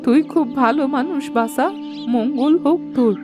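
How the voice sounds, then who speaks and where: A woman voicing a gentle, magical old grandmother in a cartoon who speaks in an affectionate, folksy village way. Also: high voice, moderate pace, over music, natural voice. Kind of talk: cartoon voice acting.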